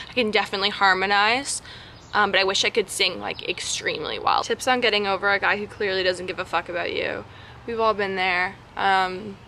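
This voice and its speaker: A woman's voice: medium pitch, gravelly, bright, forceful tone, a little hiss or hum. A young adult woman chatting casually and frankly in a slangy way, answering questions as a vlogger outdoors in a backyard.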